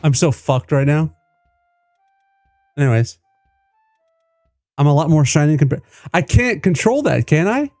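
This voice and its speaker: A man's voice: fairly high pitch, animated, unhurried, long pauses, a little mellow, no room sound, soft background music. A man streaming a game, chatting casually in a loose, rambling way with lots of fillers and swearing. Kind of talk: casual gaming stream chat.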